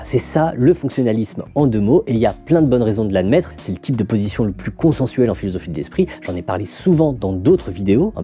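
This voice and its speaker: A man explains ideas to his viewers in a didactic video essay style. His pitch rises and falls a great deal as he talks. His voice has a very dark, mellow tone. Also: husky. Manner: lively, didactic, with frequent "hein".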